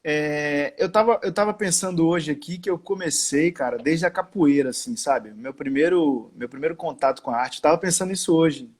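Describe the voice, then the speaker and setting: A man from Salvador, a guest on a live-stream interview from home, talking in a relaxed, slangy way. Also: fairly high pitch, normal speed, few pauses. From Salvador, Bahia, Brazil. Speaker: actor guest. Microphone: video call.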